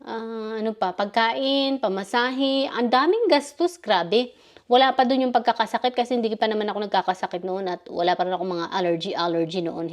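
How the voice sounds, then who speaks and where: A woman from the Philippines in her thirties telling a personal story in a casual vlog, rambling and often stopping to correct herself. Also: medium pitch. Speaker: vlogger.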